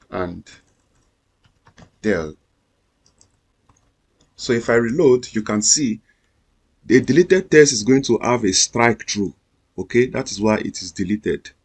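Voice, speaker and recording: A man's voice: medium pitch, slightly rough. A man teaching a screen-recorded coding lesson, explaining each step patiently and repeating himself. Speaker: coding instructor.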